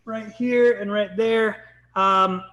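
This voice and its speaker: Bright, upbeat man hosting a podcast. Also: high voice, steady tone, takes it slowly, dull audio. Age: 30s. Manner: upbeat, chatty, lots of ums. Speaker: podcast host. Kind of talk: casual live-stream podcast chat.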